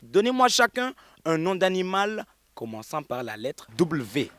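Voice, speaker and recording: A man's voice: fairly high pitch, very animated, unhurried, fairly bright tone, no room sound. An actor playing a male village radio quiz host who announces questions and keeps bursting into laughter, with a Burkinabè French accent. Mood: announcing.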